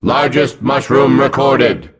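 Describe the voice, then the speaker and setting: A man voices a hulking combat robot in a video game, issuing clipped, vengeful commands in a gruff, mechanical delivery. His mid-range voice holds a steady tone at a slow pace, cold and commanding.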